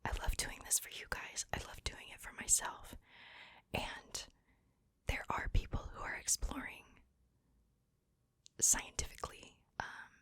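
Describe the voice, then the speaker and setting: A woman's voice: a little slow, long pauses, fairly bright tone, no echo. A woman whispering breathily, very close to the ear, in a casual ASMR chat. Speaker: ASMR video maker. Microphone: very close to the mic, ear to ear.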